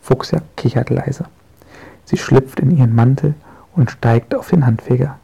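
A man narrating a children's audiobook in a gentle, lively storytelling manner, with a gravelly, husky voice. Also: medium pitch, a little slow, dull audio.

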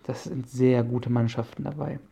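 A friendly, patient inventor professor explains his machines in a dark, gravelly voice, as a man reads him in an audiobook. He speaks calmly and obligingly, like someone happy to show off his work. The tone stays even and mellow throughout. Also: mid-range voice, normal speed. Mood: explaining. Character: friendly middle-aged male inventor professor. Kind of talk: audiobook character voice.

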